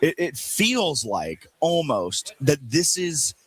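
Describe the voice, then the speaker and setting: A man's voice: a little high, slightly rough, rough recording. Playful sports radio host, man. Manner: animated, playful, rambling with quick asides. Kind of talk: casual sports talk. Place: radio show booth at a live event.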